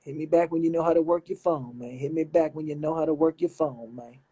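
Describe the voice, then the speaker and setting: A man's voice: fairly high pitch, brisk, dark tone, breathy edge. A man hosting a live stream from his phone, chatting casually with callers and calling them brother. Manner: laid-back, says man and my brother often.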